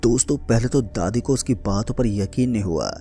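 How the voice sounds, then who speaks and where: A man narrating a scripted horror story in a steady, measured way. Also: mid-range voice, faint music behind.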